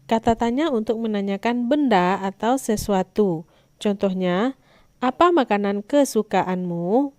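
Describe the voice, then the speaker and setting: A woman teacher, giving a scripted lesson to young children in a clear, instructive way. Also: mid-range voice, darkish tone, dry recording.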